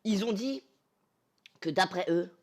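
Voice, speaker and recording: Hyped young streamer guy, lively pitch. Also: slow. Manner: hyped, theatrical storytelling to chat. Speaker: live streamer. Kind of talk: casual gaming live stream.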